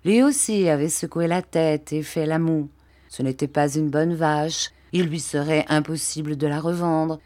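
A woman narrating a storybook in a measured, expressive reading. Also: low voice.

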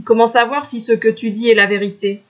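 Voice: medium pitch, steady tone, fairly quick, lightly acted. A reader voicing a wary old village elder, asking questions and weighing the claim. The voice stays level and reasoning. The recording sounds muffled and lo-fi. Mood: doubtful.

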